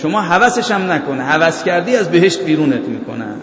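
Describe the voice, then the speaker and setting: A man preaching a sermon, reciting Arabic verses slowly and checking that his listeners follow. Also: on the high side, sing-song, slight background noise. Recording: echoey hall, dull lo-fi sound.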